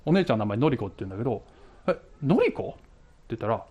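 Lively-pitched male preacher. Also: rapid-fire, highs cut off. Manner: animated, laughs while telling stories. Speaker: pastor. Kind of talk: sermon with a comic personal story.

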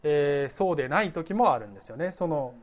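Male pastor, conversational sermon delivery, very animated intonation. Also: fairly high pitch, fairly quick. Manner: chatty, laughs at himself, tells stories.

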